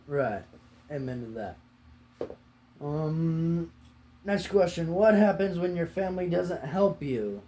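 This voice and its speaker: A man's voice: on the high side, expressive, slow, long pauses, dark tone. A man asking short interview questions and giving brief acknowledgements.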